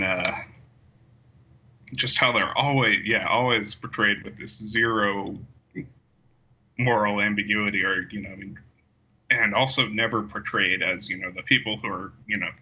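A man's voice: fairly low pitch, steady tone, measured pace, pauses often, pushed and bright, husky, low-quality recording. A man talking through a film in a casual discussion, rambling with many fillers and frequent laughs. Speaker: podcast co-host.

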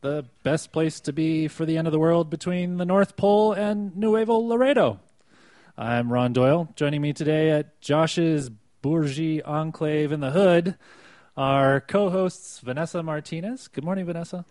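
A man hosting a casual news podcast, talking in a halting way with many fillers. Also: on the high side, a little mellow, no echo. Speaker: podcast host.

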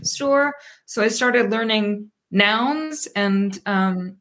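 Very slow and slightly bright, a medium-pitched voice belongs to a thirtysomething guest from Pennsylvania in a relaxed interview. Thoughtful in manner, she fills her speech with ums and restarts.

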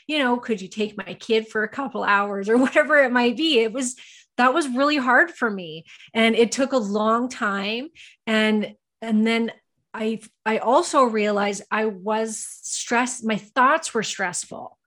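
A woman's voice: mid-range voice, fairly bright tone. A woman guest on a podcast, telling her personal story candidly and casually. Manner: candid, personal storytelling with frequent "you know". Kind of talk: casual interview talk.

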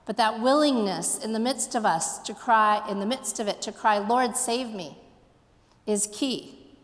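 Woman pastor, sermon, fairly high voice, slow reflective questions, long hall reverb.

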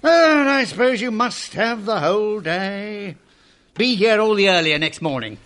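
In a theatrical radio drama, a male actor plays a cold, curt, scornful old businessman and miser, grumbling with contempt. His voice is high-pitched and a bit bright, with lively intonation and a slightly slow pace.

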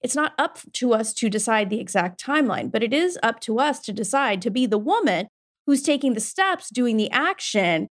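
A woman's voice: a little high, expressive, moderate pace. A middle-aged woman hosting a podcast as a mindset coach, giving an emphatic, informal motivational pep talk sprinkled with swearing and pet names.

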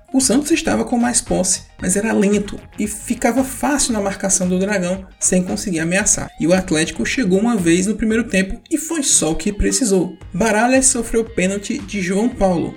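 Gravelly Brazilian man narrating football round-up. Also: high voice, darkish tone. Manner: colloquial, emphatic, playful slang. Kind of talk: informal scripted sports narration.

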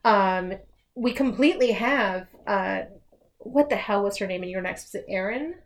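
A woman's voice: mid-range voice, normal speed. A woman chatting casually on a film panel in an emphatic, casually profane way. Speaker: movie podcast panelist. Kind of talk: casual discussion.

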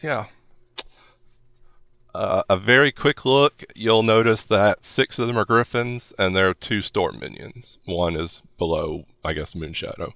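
Male game master, halting and unhurried, fry in the voice, improvising narration. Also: on the low side, a bit bright, no room sound.

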